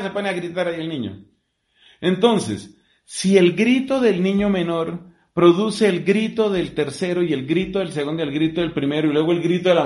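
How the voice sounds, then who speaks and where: A priest with a lively, preacherly way of speaking, answering questions in a talk. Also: male voice, a little high, reverberant. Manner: animated, preacherly, lively emphasis.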